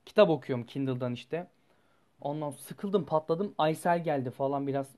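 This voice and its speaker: A young man, a student, telling a personal story in a rambling, animated way and swearing freely. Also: a little high, brisk. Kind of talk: casual storytelling vlog.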